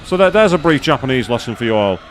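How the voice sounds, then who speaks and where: A man chats casually on a live gaming stream, rambling with lots of fillers and restarts as he explains things to viewers. His voice is medium-pitched and sing-song, he talks fast, and there's a slight hiss or hum.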